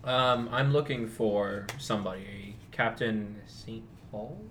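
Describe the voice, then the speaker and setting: A man's voice: fairly low pitch, slow, fairly bright tone, distant mic, slight background noise. A man playing a tabletop game, speaking hesitantly and casually. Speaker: player.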